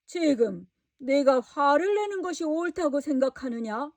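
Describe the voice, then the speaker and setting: A woman voicing God in a children's Bible story, calm and measured. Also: high voice, dry recording. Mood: gentle. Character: calm, patient God speaking to a prophet.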